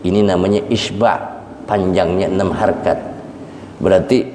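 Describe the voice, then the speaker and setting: A man teaches a Quran exegesis lesson at an unhurried pace, repeating and drawing out recitations for his students. His voice is low and mellow. It is recorded in a large hall with long reverb and faint ambience behind him. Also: steady tone, a little hiss or hum. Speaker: Islamic teacher.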